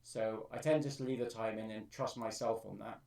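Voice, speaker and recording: Gravelly low-voiced man streaming a tutorial. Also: steady tone, moderate pace, a little mellow, reverberant, recorded from a distance. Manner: thinks aloud while explaining his edits. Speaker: streamer and amateur music producer. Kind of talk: live-stream tutorial talk.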